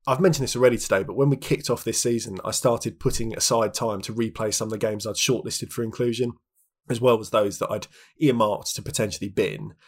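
A man's voice: on the low side, fairly even intonation, fairly quick, breathy edge. A man in his thirties co-hosting a podcast, chatting reflectively with lots of restarts and filler words. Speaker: podcast co-host. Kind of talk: reflective casual chat.

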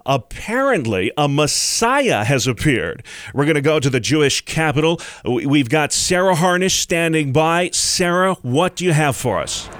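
A man's voice: a little high, very animated, moderate pace, a bit bright, no echo, studio quality. A man playing a news anchor in a mock news radio drama.

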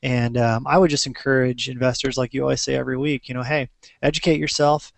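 A man's voice: mid-range voice, level tone, quick pace, gravelly, dry recording. A man giving conversational, explanatory commentary as an investment advisor on a podcast.

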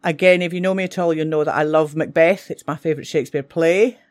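A woman's voice: sits low, steady tone, quick pace. Enthusiastic woman teacher. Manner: enthusiastic, gushing about books. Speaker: English teacher. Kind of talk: casual talk for school radio.

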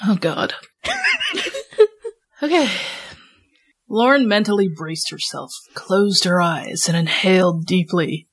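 A woman co-hosts a podcast, chatting casually and reading amateur fan fiction aloud in a giggly, self-conscious way. Her voice is fairly low and slightly rough, with a slow pace and long pauses.

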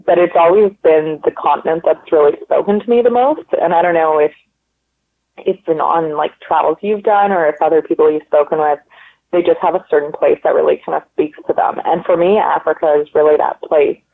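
This Canadian interview guest, a woman, talks casually and rambles in an upbeat way, full of likes and ums. She has a low voice and speaks fairly quickly, recorded over a tinny phone line.

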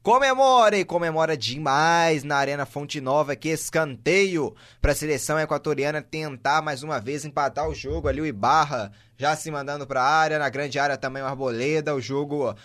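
A man's voice: fairly high pitch, moderate pace, few pauses, fairly bright tone. A man with a Brazilian accent giving running play-by-play commentary on a football match.

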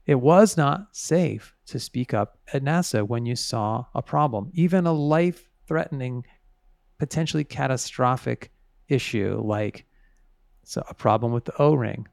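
A man's voice: mid-range voice, creaky, a little mellow, no echo, clean studio sound. A man interviewed as an author, explaining things conversationally and stressing key words.

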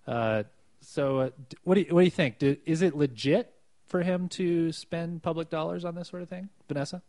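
A man hosting a casual news podcast, talking in a halting way with many fillers. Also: fairly high pitch, a little mellow, dry recording. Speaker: podcast host.

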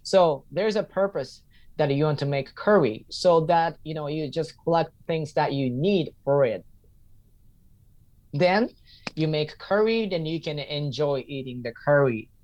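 A man in his thirties who works as a comedian and teacher answers interview questions casually and thoughtfully, often restating a point while searching for the right words. His voice is fairly high, animated and a little mellow, delivered at a measured pace. The audio sounds dull.

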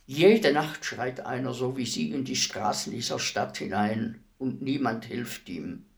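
For a radio play, a male actor portrays a calm, implacable executioner, his mid-range voice touched with vocal fry. He delivers the theatrical lines in a measured, politely formal way, unperturbed and matter-of-fact.

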